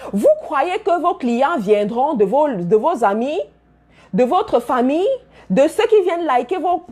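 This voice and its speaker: An emphatic woman coach speaks straight to her listeners and drives home her points by repeating them. Her voice sits fairly high, with a slightly husky grain. Her pitch rises and falls in lively swings. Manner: emphatic, repeats key phrases, addresses listeners directly. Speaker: business coach. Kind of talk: motivational talk to followers.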